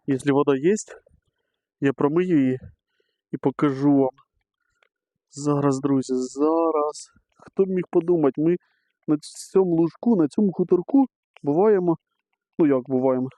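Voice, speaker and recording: A middle-aged man talks casually to his viewers while digging outdoors in a meadow, calling them friends again and again. His voice sits a little high and has a mellow tone. The recording is dry and slightly dull, like lo-fi field footage. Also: no echo. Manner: chatty, keeps addressing viewers as friends. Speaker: metal-detecting vlogger.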